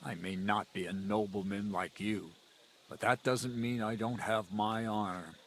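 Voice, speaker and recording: A man's voice: fairly low pitch, steady tone, measured pace, fairly bright tone, a little hiss or hum. A man voicing a blunt, common-born commander in a game who swears freely and gives orders. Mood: earnest.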